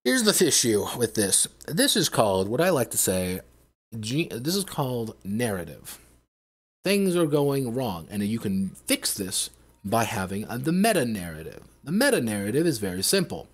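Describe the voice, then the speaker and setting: A man's voice: medium pitch, sing-song, moderate pace, breathy edge. A man reviewing tabletop games on a livestream, ranting sarcastically. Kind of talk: livestream game review rant.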